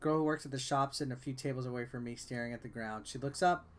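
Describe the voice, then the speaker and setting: A fast-talking man with a mid-range voice reviews a video game, commenting casually and sounding bored. Along the way he reads dialogue aloud with sarcastic asides.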